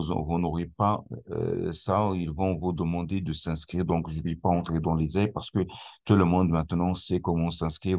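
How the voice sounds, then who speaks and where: A man with a very deep voice walks through a website in a screen-recorded tutorial. He talks slowly and hesitantly, restarting phrases often as he clicks through the steps. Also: a little mellow. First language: not English; speaks French. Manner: hesitant, many restarts and fillers, explains step by step. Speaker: tutorial presenter.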